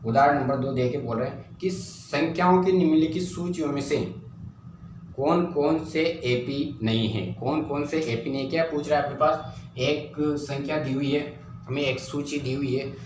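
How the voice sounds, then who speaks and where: A man teaching a math lesson, repeating steps and asking and answering his own questions. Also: mid-range voice. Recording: very echoey room, faint ambient noise.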